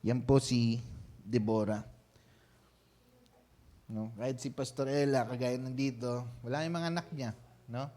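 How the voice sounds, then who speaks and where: A man's voice: mid-range voice, steady tone, measured pace, pauses often, dark tone. A man with a Filipino accent, a senior pastor giving a sermon in a conversational style and often checking in with the congregation. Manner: conversational preaching, frequent tag questions.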